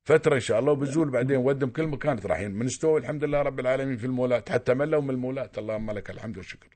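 A man with an Emirati Arabic accent speaks very fast on a radio call-in, pressing his advice on listeners and circling back to the same points with insistence. His voice sits at a middling pitch. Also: a little mellow. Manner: insistent, lecturing, repeats himself. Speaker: caller.

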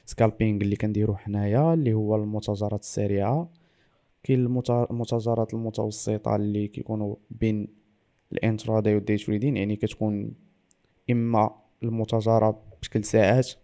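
A man explains things in an interview with a Moroccan Arabic accent. He talks briskly in a mellow, relaxed tone, dropping French and English terms into his sentences. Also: fairly low pitch. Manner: mixes in French and English loanwords. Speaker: trader interviewed as guest.

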